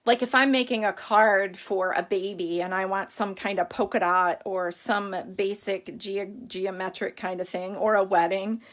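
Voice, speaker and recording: A woman's voice: medium pitch, fairly even intonation, normal speed, few pauses, a bit bright. A middle-aged woman hosting a casual live craft stream, chatty and rambling, greeting viewers by name while she has the hiccups.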